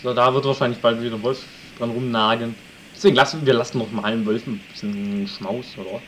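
A man's voice: mid-range voice, fairly even intonation, quick pace, slight background noise, rough recording. Chatty man narrating his gameplay. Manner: chatty, jokey, talks to the audience, shouts at wolves. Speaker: let's play commentator. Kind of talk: casual gameplay commentary.

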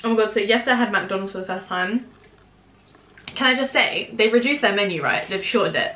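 A British woman in her twenties chats casually to camera in a mukbang vlog, eating as she talks in a small room at home. Her mid-range voice is sharp in tone and a little fast, and she's emphatic and full of slang. The room sounds echoey.

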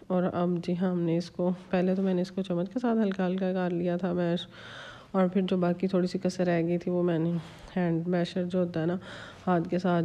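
A woman with a Pakistani Urdu accent narrates a home cooking recipe, explaining each step in a chatty, homely manner. Her voice sits low and mellow with little rise and fall. The voice-over sounds a little dull and lo-fi. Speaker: cooking channel host.

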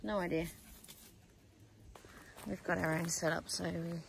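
A camper wanders a bush campsite, musing aloud and trailing off in a lowish, creaky voice that stays steady and a little slow. She's behind the lens of a handheld phone or camera for her walk-around vlog, and the outdoor recording picks up background noise around her casual, off-the-cuff remarks.

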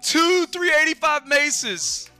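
A man reacting excitedly during an online game. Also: very high-pitched, slow, soft background music.

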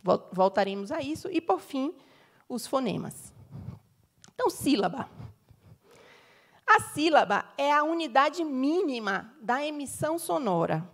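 A woman's voice: high-pitched, sing-song, a little slow, pauses often. Brazilian woman lecturing on rhyme. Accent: Brazilian Portuguese. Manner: explanatory, frequent tag questions, gives sung examples. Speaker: university professor giving a lecture. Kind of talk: academic lecture.

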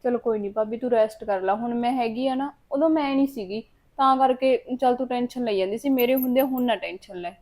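An actress playing a young married daughter who is blunt and indignant. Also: female voice, a little high, fast talker, lightly acted. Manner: blunt and sharp-tongued.

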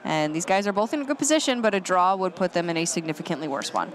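A man giving live color commentary at a card-game tournament, enthusiastic and encouraging, his voice climbing when excited. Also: sits high, quick pace, a little hiss or hum.

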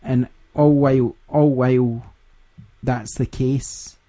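A man's voice: medium pitch, fairly even intonation, slow, dark tone. A Scottish man hosting a gaming podcast in casual chat, laughing often and rambling. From Scotland. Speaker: podcast host.

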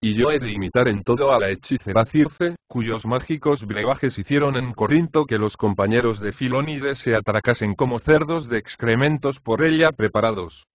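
A man's voice: medium pitch, normal speed, few pauses, dry recording, lo-fi sound, close to an everyday voice. A man voicing a brash, mocking male house slave in an audiobook of a comic play. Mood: boisterous. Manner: cheeky, taunting.

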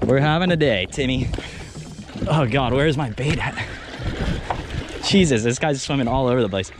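Excitable man fishing on a boat. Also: medium pitch, normal speed. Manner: excitable, swears often, laughs between remarks. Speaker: angler filming his fishing trip. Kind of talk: casual excited chat while fishing. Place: open ocean fishing boat, outdoors. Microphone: head-mounted action camera. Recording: outdoor boat noise and wind.

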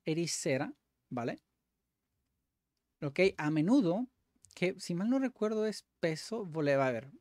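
Male host, casual think-aloud, self-correcting, dry close mic, lively pitch. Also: unhurried, long pauses, no room sound. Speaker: language-learning video host. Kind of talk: casual commentary while doing language exercises.

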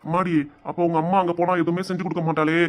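A woman's voice: lowish voice, little pitch movement, racing, voice pushed down, natural voice. A woman voicing a grumbling old grandfather in a cartoon, speaking with a Tirunelveli Tamil accent in a plaintive, complaining way. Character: grumbling old grandfather fond of fish curry.

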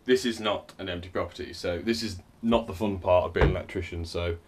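A man's voice: sits low, steady tone, brisk, noisy background. A man, an electrician, chatting casually and dryly as he explains his work in a house. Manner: chatty, dry, explains as he works. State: out of breath at times. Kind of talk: casual work vlog narration. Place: house being rewired, indoors.

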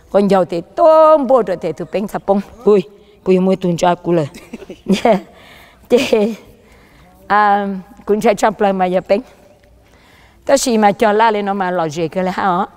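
Emphatic male pastor preaching outdoors. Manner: emphatic preaching, voice often jumping higher and louder. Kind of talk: sermon. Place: outdoors by a riverside.

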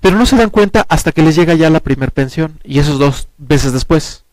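Speaking a little fast in a high-ish voice with no room sound, a Mexican Spanish-accented guest advisor in his forties earnestly discusses pensions on a talk show. He uses a headset mic in a small indoor TV studio and explains at length with lively hand movements.

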